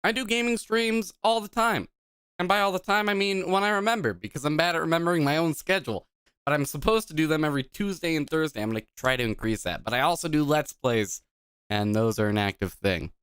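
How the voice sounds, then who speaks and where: A man's voice: on the high side, expressive, a little fast, a bit bright, clear, resonant tone, no echo, clean studio sound. A tipsy man, a gaming streamer, chatting casually on a live stream into a desk microphone, rambling, swearing casually and laughing at himself.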